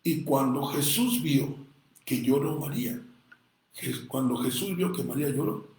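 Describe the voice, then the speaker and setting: A man preaching a sermon as pastor, speaking Spanish with a Mexican accent, swinging between loud bursts and soft asides and often calling listeners "brother". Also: mid-range voice, expressive, unhurried, reverberant, rough recording. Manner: addresses listeners as "hermano". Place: church.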